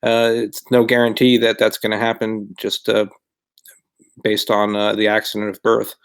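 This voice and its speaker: A man on a casual podcast panel speaks in a lowish, notably flat monotone. He is measured and deliberate, pausing on fillers between thoughts. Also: gravelly, clear, resonant tone.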